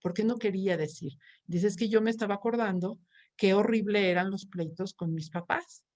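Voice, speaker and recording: A woman's voice: mid-range voice, normal speed. A woman with a Mexican accent giving a conference talk as a therapist, telling stories with many restarts and tag questions. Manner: warm storytelling with frequent restarts and tag questions.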